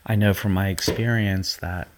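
A middle-aged man leading a guided hypnotic visualization for athletes, speaking in hushed, soothing, repetitive phrases. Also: deep voice, fairly even intonation, normal speed, background noise.

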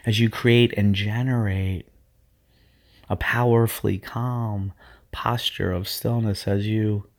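A middle-aged man leading a guided hypnotic visualization for athletes, speaking in hushed, soothing, repetitive phrases. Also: fairly low pitch, steady tone, takes it slowly.

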